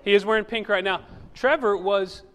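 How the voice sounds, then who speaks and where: A man's voice: high-pitched, normal speed, fairly bright tone, slight background noise. A man preaching a sermon in a church, telling the story with humor and acting out the voices of the people in it. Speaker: pastor. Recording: long reverb of a large hall.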